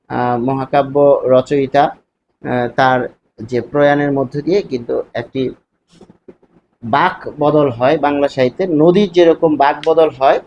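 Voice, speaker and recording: A man's voice: a little high, a little mellow. A man teaching a literature lesson in Bangladeshi Bengali, explaining step by step and asking rhetorical questions. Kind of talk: classroom lecture. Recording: dull lo-fi sound with faint hiss.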